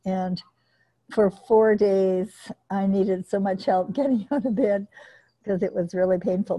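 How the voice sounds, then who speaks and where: A woman hosts an online group session over a video call, telling a personal mishap between items. She talks chattily, restarting and repeating words. Her tone is dark and mellow. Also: mid-range voice, low-quality recording. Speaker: workshop host. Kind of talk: hosting an online workshop.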